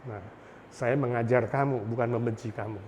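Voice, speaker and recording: A man preaching a lively sermon as a pastor, often asking the congregation questions and slipping in English phrases. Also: mid-range voice, moderate pace, a little hiss or hum. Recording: long hall reverb.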